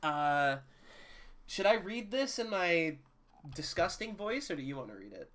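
Lively, bright-voiced swearing streamer. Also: male voice, high-pitched, measured pace. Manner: swears freely, laughs often, swings between mutters and loud outbursts. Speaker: streamer playing a horror game. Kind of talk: casual gaming chat.

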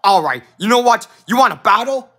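A young fan voicing a boastful, short-tempered male penguin king who blusters, repeats himself and yells insults. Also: mid-range voice, expressive, fairly quick. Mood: angry.

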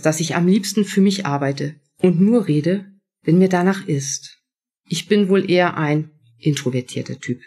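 Give me a woman author with a husky voice reading aloud from her book. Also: sits low, a little mellow. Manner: first-person storytelling. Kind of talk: live reading from her own novel.

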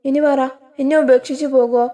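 A woman's voice: high voice, steady tone, moderate pace, mellow, close to an everyday voice. A woman voicing a young husband in a told story, teasing and tender. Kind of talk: storytelling with acted dialogue.

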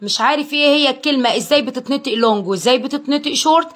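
A young Egyptian woman teaching English pronunciation to children, drilling sounds slowly and praising cheerfully. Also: high-pitched, a bit bright. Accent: Egyptian Arabic. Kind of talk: phonics lesson for children.

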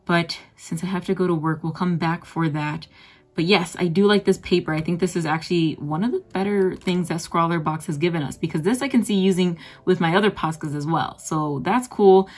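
Groggy, low-voiced young woman chatting casually. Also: brisk, a little mellow. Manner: chatty, rambling, self-deprecating. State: groggy morning voice. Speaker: art vlogger. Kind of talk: casual narration while drawing.

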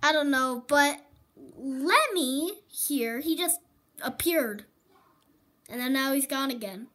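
A high, bright voice doing bossy Bowser Junior. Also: expressive, exaggerated voice. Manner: blunt, slow and bossy, scolds his friends. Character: bossy young male koopa prince, host of the call. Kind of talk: fan puppet comedy on a video call.

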